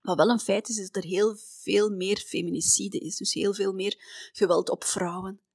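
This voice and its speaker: A middle-aged Flemish woman from Belgium hosting a podcast, telling personal travel stories in a chatty way, often dropping to a soft near-whisper. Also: mid-range voice, steady tone, moderate pace, creaky, dry recording, clean studio sound. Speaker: podcast host.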